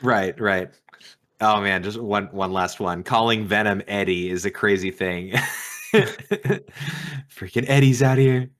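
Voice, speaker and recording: Bright toned guy cohosting a gaming podcast, gets giggly and excited. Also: low-pitched, a little slow. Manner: laughs often, excitable. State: tired late at night. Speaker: podcast co-host. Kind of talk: casual gaming podcast chat.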